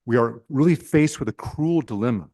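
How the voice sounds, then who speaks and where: A man's voice: mid-range voice, normal speed, mellow, dry recording, studio quality, lightly acted. A man with a Nebraskan accent reading aloud as a scheming senior male demon advising an apprentice, in his own plain voice. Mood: scheming, instructive.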